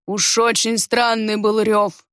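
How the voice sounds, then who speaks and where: A woman voicing a calm, grave male guard who speaks in a measured, thoughtful way. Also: mid-range voice, no echo, clean studio sound, close to an everyday voice.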